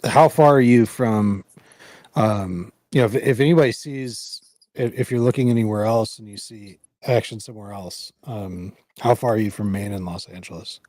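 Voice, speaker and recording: Lowish-voiced man co-hosting, dry sound. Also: normal speed, a little mellow, dry recording. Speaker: livestream co-host. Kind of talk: casual live coverage talk.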